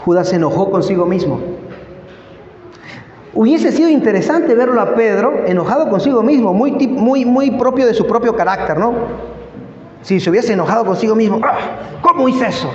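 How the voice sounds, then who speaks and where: Pastor, male, high voice, emphatic sermon delivery, reverberant church hall recording. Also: expressive, moderate pace, a little mellow, slight background noise. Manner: emphatic preaching with rhetorical asides. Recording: echoey church hall, dull lo-fi sound.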